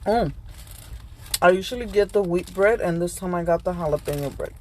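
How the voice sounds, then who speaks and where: Eating lunch in her car, this middle-aged vlogger chats and rambles casually, her voice a bit hoarse from a cold. She talks briskly in a low, dark tone, with slight background noise.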